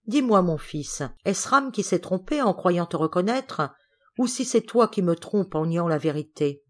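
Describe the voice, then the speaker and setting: A woman's voice: lowish voice, expressive, measured pace. Woman reading an earnest, pleading father. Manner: pleading, earnest, easily upset. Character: gentle anxious aristocratic father, middle-aged man. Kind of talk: audiobook character reading.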